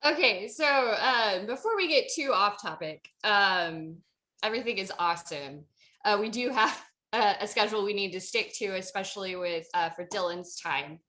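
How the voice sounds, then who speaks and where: A woman's voice: medium pitch, animated, moderate pace, bright, forceful tone. A woman moderating a debate workshop, upbeat and candid about herself. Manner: upbeat, candid, self-mocking.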